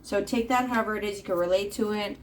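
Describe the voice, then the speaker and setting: A woman's voice: mid-range voice, fast talker, slight background noise, low-quality recording. A woman reading tarot cards in a casual, rambling monologue with plenty of fillers. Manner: chatty, rambling, frequent fillers. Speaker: tarot reader.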